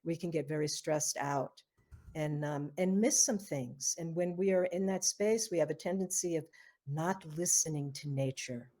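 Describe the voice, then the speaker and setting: A woman with a low-pitched, warm voice speaks at a moderate pace as host of an online foundation interview. She affirms her guest often, with frequent fillers and repeated words.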